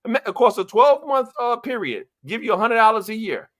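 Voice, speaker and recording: A man's voice: very high voice, big pitch swings, fast, a bit bright. A man with a New York accent hosting a casual livestream panel, talking in an emphatic, motivational way and repeating his points for effect. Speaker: host. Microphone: video call.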